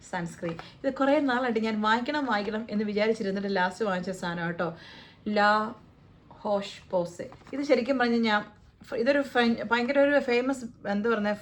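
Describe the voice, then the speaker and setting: A woman with a Malayali accent chatting casually through a shopping haul, playful and joking about how to pronounce brand names. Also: fairly high pitch. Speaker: vlogger. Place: home, living in the UAE.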